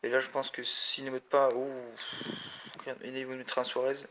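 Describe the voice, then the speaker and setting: A man's voice: medium pitch, monotone, moderate pace, a bit bright. A man giving casual, rambling commentary on a mobile football game and talking straight to his viewers. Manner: rambling, chatty, addresses viewers directly. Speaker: mobile gaming video creator.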